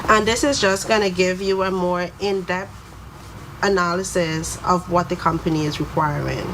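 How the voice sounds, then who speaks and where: A woman's voice: fairly low pitch, steady tone, moderate pace. A woman methodically explaining legal duties, listing terms and quoting the act. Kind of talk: explanatory talk on law. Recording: noisy background ambience.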